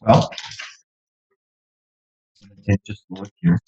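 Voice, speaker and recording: A man speaking as a judge in court, measured and procedural, pausing with fillers, heard on a courtroom recording. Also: dark tone. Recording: roomy, dull courtroom recording with faint hiss.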